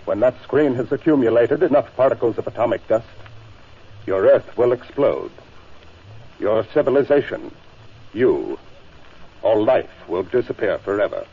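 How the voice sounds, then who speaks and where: An actor playing a calm, commanding alien space captain in a 1950s radio drama, with formal, measured delivery. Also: male voice, medium pitch, breathy edge. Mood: grave explaining. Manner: formal, measured, authoritative declarations. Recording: muffled, noisy 1950s radio recording.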